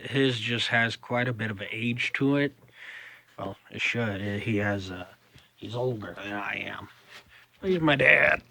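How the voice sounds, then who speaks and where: A young man with a Southern US drawl, chatting casually to camera in a halting, rambling vlog style. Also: medium pitch, creaky, sharp tone. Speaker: vlogger.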